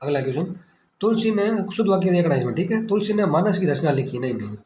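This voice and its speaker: A man's voice: a little high, very animated, quick pace, warm tone. Male Hindi tutor quizzing in echoey room. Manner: repetitive quiz-style questioning, frequent "ठीक है". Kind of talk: screen-recorded exam lesson. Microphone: screen-recorder phone mic. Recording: echoey room with faint background hiss.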